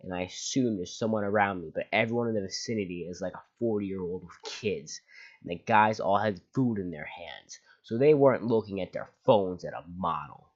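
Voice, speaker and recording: A man with a fairly low voice reads online posts aloud for his channel. He stops now and then for dry, sarcastic asides. The recording sounds dull and lo-fi. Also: moderate pace. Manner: sarcastic asides between readings. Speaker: channel host.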